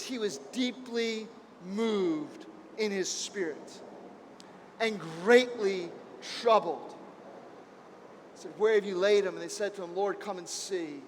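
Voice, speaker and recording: A man preaching as pastor, impassioned, moving between hushed and raised passages. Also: sits high, big-room sound, a little hiss or hum. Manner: impassioned, swings between soft and loud. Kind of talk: sermon. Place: church.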